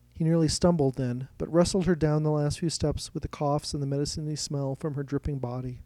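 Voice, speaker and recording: Mellow-voiced male story narrator. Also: fairly high pitch, no room sound.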